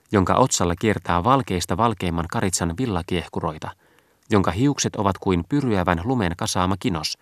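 A man reading a classic novel aloud as an audiobook narrator, measured and stately. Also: sits low, dry recording, clean studio sound. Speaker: audiobook reader. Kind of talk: scripted narration.

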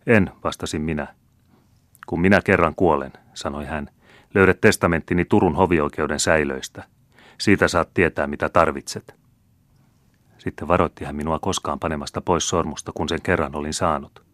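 A man's voice: very deep voice, fairly even intonation, fairly bright tone, dry recording. A man reading a dreamy, bitter seventeen-year-old count who speaks with passion in an audiobook. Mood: urgent. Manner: impassioned, bitter.

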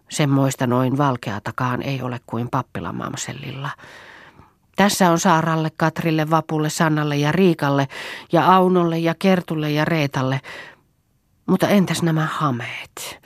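A woman reading the part of a motherly, homely farm mistress in an audiobook, gently bossy and fond of proverbs. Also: low-pitched, no echo, studio quality, close to an everyday voice.

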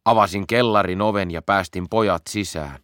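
A man calmly reading a children's story aloud as audiobook narration. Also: low-pitched, no room sound, studio quality. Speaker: audiobook reader.

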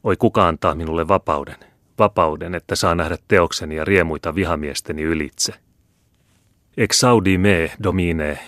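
A man's voice: sits low, a bit bright, no echo, studio quality. A man reading the part of an aging, proud and irritable imprisoned scholar with grandiose outbursts. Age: older.

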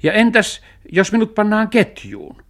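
An eager, naive talking dog, as a man puts him on in a children's radio story. The voice is pushed high and bounces around with lively pitch. He speaks in an excitable, trusting way. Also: heavily acted. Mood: alarmed. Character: eager simple-hearted male talking dog.

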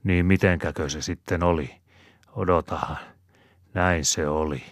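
A man's voice: low voice, fairly even intonation, no room sound, clean studio sound. A man doing a sly, chuckling rustic storyteller. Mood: yarn-spinning. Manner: chuckling, folksy yarn-spinning. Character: bawdy old rustic male storyteller, sly.

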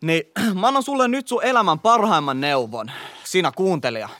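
A man's voice: high voice, expressive, sharp tone, no room sound, clean studio sound. A man from Helsinki's eastern suburbs with a local slang accent, co-hosting a podcast and giving emphatic advice. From Finland. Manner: emphatic, lecturing tone. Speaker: podcast co-host. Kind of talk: casual chat, giving advice.

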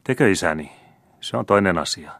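A man's voice: sits low, animated, vocal fry, a bit bright, dry recording, clean studio sound, heavily acted. Man voicing a haughty young count. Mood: contemptuous. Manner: haughty, mocking. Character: arrogant, scornful young male count.

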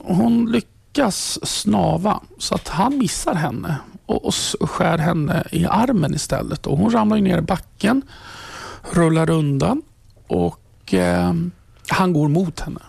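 Middle-aged Swedish man, interviewee; rough, husky voice in a dry room, halting speech, drops to a whisper. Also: sits high, darkish tone, no echo. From Sweden. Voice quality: gravelly and husky. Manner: halting, many restarts, drops to a whisper at grave moments. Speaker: interviewee, trained ambulance driver. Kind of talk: personal testimony in an interview.

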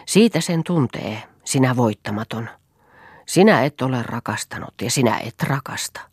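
A woman's voice: a bass voice, animated, a little mellow, husky, no echo, clean studio sound, full character voice. A woman reading as an impassioned pleading man. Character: passionate man pleading with an old friend.

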